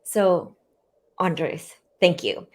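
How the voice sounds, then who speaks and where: A woman's voice: lowish voice, lively intonation, drawn-out words. A woman hosting an online interview over a video call, welcoming and eager, with some fillers. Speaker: host.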